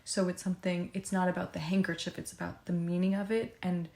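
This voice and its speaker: A woman's voice: on the low side, fairly quick, creaky. A young woman, a student co-director, casually explaining her scene choices with lots of fillers. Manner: casual, many fillers, flat delivery. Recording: echoey room.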